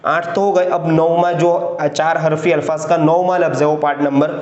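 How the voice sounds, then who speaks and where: A man's voice: fairly high pitch, little pitch movement, moderate pace, darkish tone, reverberant, highs cut off. Patient man teaching Urdu script. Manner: patient, repeats "ठीक है" and "है ना" often. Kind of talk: step-by-step handwriting lesson.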